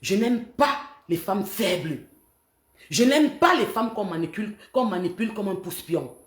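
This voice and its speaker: A woman rants on a social media live stream, confrontational and heated. She swings between loud outbursts and low, muttered asides. Her voice sits at a mid pitch, and the room around her sounds roomy and echoey. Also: animated, normal speed. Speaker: association founder and president.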